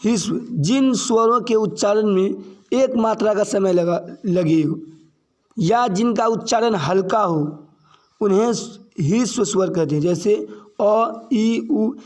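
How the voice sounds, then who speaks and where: Male teacher, high mellow voice, deliberate classroom delivery, repeats and quizzes himself. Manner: repeats points and asks questions he answers himself; slow and deliberate, stressing key terms. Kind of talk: classroom grammar lesson.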